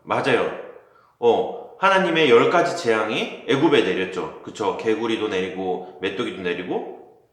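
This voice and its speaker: A man's voice: lowish voice, measured pace, a bit bright. A man giving a children's sermon, telling a Bible story in a friendly way and asking the children questions. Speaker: children's pastor. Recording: very echoey room.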